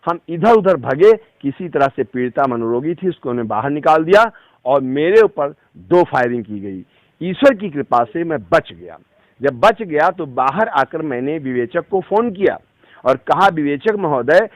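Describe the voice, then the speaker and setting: A man with a higher-pitched voice speaks on a dry recording, acting as an advocate in a phone interview. His formal, emphatic legal phrasing lays out a victim's account of a complaint.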